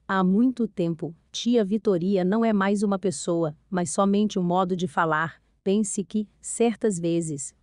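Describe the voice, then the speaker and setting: A woman's voice: medium pitch, no echo, clean studio sound, lightly acted. Woman reading a patient, loving mother. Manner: gentle, reassuring, explaining slowly. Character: a loving, patient mother explaining to her daughter.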